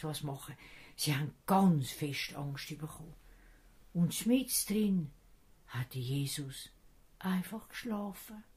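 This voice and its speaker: A woman with a Swiss German accent telling a Bible story to children in an expressive storytelling manner. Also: mid-range voice, husky.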